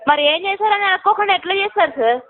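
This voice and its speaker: A high-voiced woman fires off scolding demands at a rapid clip over a tinny phone line. She is a loan recovery agent, rude and relentless in a heated argument. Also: lively intonation.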